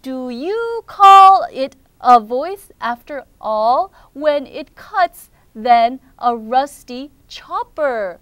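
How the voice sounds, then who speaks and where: A woman's voice: high-pitched, animated, dry recording, highs cut off, exaggerated voice. A woman reading as a shy, sorrowful little rooster. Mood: sad. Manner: slow, deliberately paced reading. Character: shy, tearful young male rooster.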